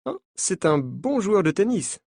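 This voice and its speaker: Teasing young woman journalist, slow and clear, read by a man in his own voice, dry close sound. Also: high-pitched, sing-song, darkish tone, no echo, voice pushed up, heavily acted. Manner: teasing, matter-of-fact. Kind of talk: slow French-lesson story reading.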